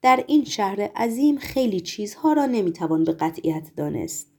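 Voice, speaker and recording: A woman's voice: mid-range voice, sing-song, husky. Woman reading as a guarded spy chief. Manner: quiet, courteous, guarded. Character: calm, deferential male secret-police chief.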